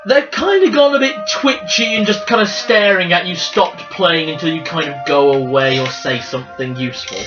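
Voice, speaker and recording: A man running a tabletop game as game master, his voice sitting a little high. He tosses off jokes and quick asides between bits of narration. The sound is dull and lo-fi, with music clearly heard behind him.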